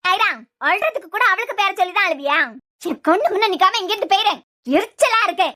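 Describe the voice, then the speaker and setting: A woman's voice: extremely high pitch, fast talker, bright, forceful tone. A woman voicing a jealous, scheming young woman in a cartoon series, muttering spitefully in a Kanyakumari Tamil accent. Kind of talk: cartoon web series voice acting.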